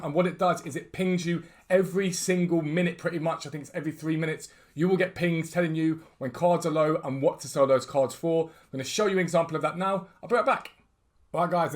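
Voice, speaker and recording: A man who cannot pronounce his R's properly, saying them like w, hosting a casual, chatty gaming video and talking straight to viewers. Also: a little high. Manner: chatty, informal, addresses viewers directly. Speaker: gaming YouTuber and host.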